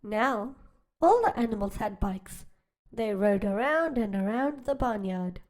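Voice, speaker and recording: A woman hosting a storytime channel reads a picture book aloud, pausing for gentle, teacher-like questions to young listeners. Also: medium pitch, animated. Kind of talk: children's read-aloud storytelling.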